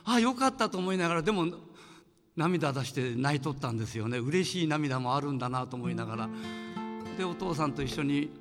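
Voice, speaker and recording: A man in his sixties, a singer, telling a childhood story to children with lively acted-out voices. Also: a little high, brisk, in a large hall, faint music behind. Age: 60s.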